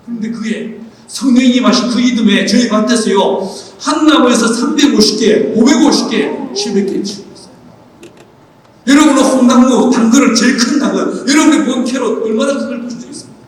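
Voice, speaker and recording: A man preaching a sermon as pastor, drawing key phrases out slowly and dropping to a hushed voice when he quotes God. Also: very high-pitched. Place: large church hall. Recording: roomy echoing hall, voice picked up from far off.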